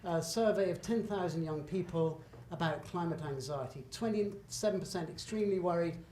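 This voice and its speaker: A man's voice: a little high, moderate pace, warm tone. Middle-aged man, guest lecturer, chatty and emphatic, roomy hall with faint background hum. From Britain. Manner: conversational and emphatic, with asides and self-corrections. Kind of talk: public lecture with slides. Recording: echoey hall, faint room noise.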